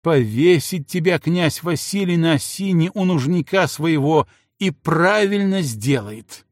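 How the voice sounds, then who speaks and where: A man's voice: takes it slowly, gravelly, husky, dry recording, studio quality, full character voice. A man voicing a furious jealous princess who screams insults at her husband. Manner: screaming insults, shrill and frantic. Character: furious jealous young princess, shrieking wife.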